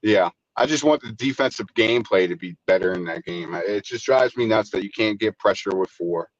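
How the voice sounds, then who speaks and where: A man's voice: lowish voice, a little fast. A man calling into a show from his car while driving, talking in a laid-back, rambling way with some grumbling over a dull, lo-fi phone line. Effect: phone call from a car while driving. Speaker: caller. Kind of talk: casual call-in chat.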